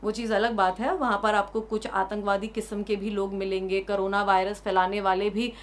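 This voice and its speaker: A woman's voice: mid-range voice, little pitch movement, normal speed. A young woman giving an indignant opinion rant on her vlog, full of emphatic rhetorical questions.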